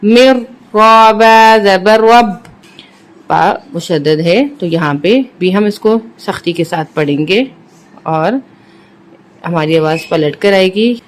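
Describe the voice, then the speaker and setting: A Quran reading teacher with a Pakistani Urdu accent, sounding out letters and syllables slowly and then explaining each rule quickly. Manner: drawn-out syllables, then brisk low explanations. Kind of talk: slow letter-by-letter recitation drills with quick explanations.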